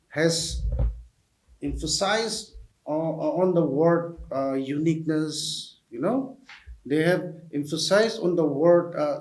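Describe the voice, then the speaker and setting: A man's voice: on the high side, darkish tone. A man giving an emphatic press conference statement, repeating rhetorical questions. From Nagaland, India. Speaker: opposition party politician. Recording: echoey room.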